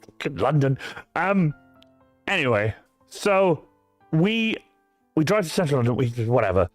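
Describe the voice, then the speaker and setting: A man's voice: on the high side, unhurried, no room sound, faint music behind. A man from the countryside, chatting on a livestream and telling a story in a rant full of swearing. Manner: animated, swearing storyteller ranting to chat. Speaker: cosplay livestreamer. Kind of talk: casual livestream chat.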